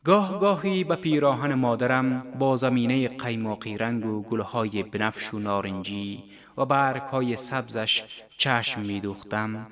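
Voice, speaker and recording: A man reading a literary story on radio, calm and measured. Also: medium pitch. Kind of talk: scripted literary narration.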